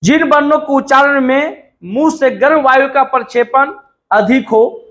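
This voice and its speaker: A man's voice: very high-pitched, normal speed, fairly bright tone. A male teacher from India giving a classroom lecture, repeating phrases and drilling students to say sounds aloud.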